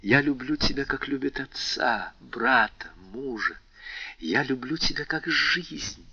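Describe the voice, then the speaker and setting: A man's voice: mid-range voice, animated, takes it slowly, sharp tone, slightly rough, dry recording, muffled recording, voice pushed up, full character voice. A man reading an audiobook, voicing a young woman devoted to her guardian, who speaks in an impassioned, pleading way. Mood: passionate. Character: Haydée, young woman, devoted ward, passionate and grieving.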